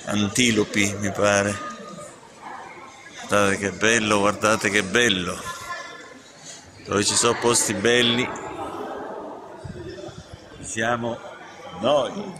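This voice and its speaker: Here a man with a lowish voice narrates a mall walk as a travel vlogger, moving at a slow pace and pausing often. His casual commentary is playful, enthusiastic and teasing, and the large indoor mall is noisy in the background.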